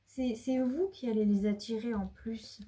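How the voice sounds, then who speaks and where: Husky, mellow-voiced woman reading cards. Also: a little high, steady tone, unhurried. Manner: chatty and rambling, with many restarts; drops to a whisper at times. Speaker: card reader. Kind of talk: casual tarot reading to camera.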